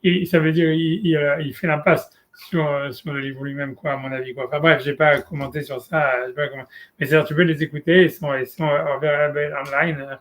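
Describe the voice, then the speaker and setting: Guy rabbi giving a chill torah class, lots of "tu vois" and ums, drops hebrew words in, voice a bit on the high side. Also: fairly even intonation, a little fast, a bit bright. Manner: casual, hesitant, many fillers and "tu vois"; mixes Hebrew terms into French. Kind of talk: informal one-on-one Torah lesson.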